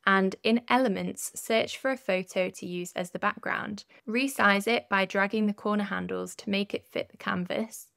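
A woman calmly talking through a design tutorial step by step in a scripted voice-over. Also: mid-range voice, moderate pace, hardly any pauses, no echo, studio quality. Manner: calm, clear step-by-step instructions.

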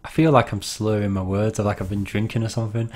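A man's voice: fairly low pitch, flat delivery, fast talker, darkish tone. Rambling man commenting on a game. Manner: rambling, self-deprecating, laughs at himself. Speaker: gaming channel host.

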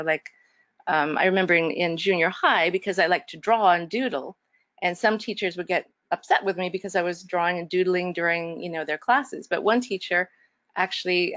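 Woman instructor, earnest reflective talker, lower voice, dry dull call audio. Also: creaky, a bit bright, no room sound. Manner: earnest, reflective, many fillers and restarts. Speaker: faculty instructor. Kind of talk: casual discussion in an online faculty workshop. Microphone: video call.

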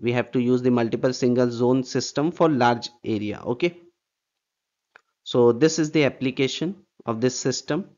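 An HVAC instructor gives a slide-based lecture on air distribution systems, repeating his points and checking in with "okay" and rhetorical questions. His mid-range voice is a little mellow and moves at a moderate pace, captured with lo-fi sound.

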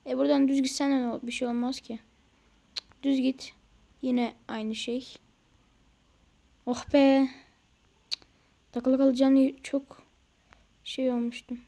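A young woman who makes gaming videos talks through the game she's playing, muttering in frustration and adding playful sound effects in casual commentary. Her voice is high, level, slow, creaky, and mellow, with frequent pauses.

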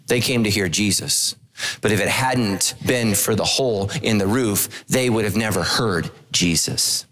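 A man's voice: unhurried, a little hiss or hum. A middle-aged man, a pastor, preaching a sermon on a large church stage into a handheld microphone, telling stories with humorous asides. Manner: animated storytelling with humorous asides, pitch swinging widely.

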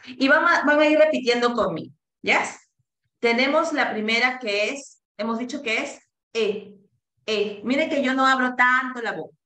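A female pronunciation teacher models sounds for her students to repeat, speaking very slowly and deliberately and drawing out each vowel while code-switching to English. Her voice is bright and fairly high, and the classroom has a noticeable echo.

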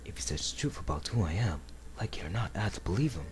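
A man's voice: low voice, expressive. A man voicing an arrogant, brooding hedgehog antihero from a video game, with a cold, dramatic delivery. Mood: brooding, hushed. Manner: slow, dramatic, haughty, cold. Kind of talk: video game character voice demo. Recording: noisy amateur home recording.

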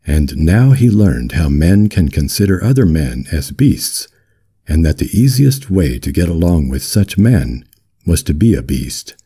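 A man with a deep, firm, very husky voice reads a novel aloud. His delivery is calm, yet his pitch moves in a lively way through the narration. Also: unhurried. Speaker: audiobook reader. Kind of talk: audiobook narration of a literary novel.

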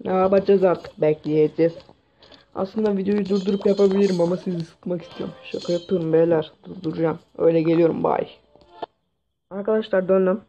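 A man with a sore throat giving excitable gameplay commentary, swearing at the game as he plays. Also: sits high, a little fast. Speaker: gaming channel host. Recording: dull lo-fi mic with faint hiss.

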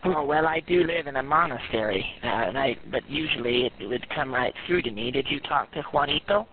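A man's voice: medium pitch, moderate pace. A man doing a rambling sweet granny on the phone. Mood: sugary. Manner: rambling, sweet-talking, calls people dear. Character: doting elderly grandmother, rambling and sugary. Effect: heard over a phone line. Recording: tinny noisy phone line.

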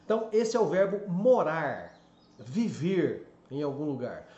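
A man from Brazil teaching an English lesson in a casual, explanatory way, stretching out example words slowly. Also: a little high, sing-song, warm tone. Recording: echoey room, slightly dull lo-fi sound.

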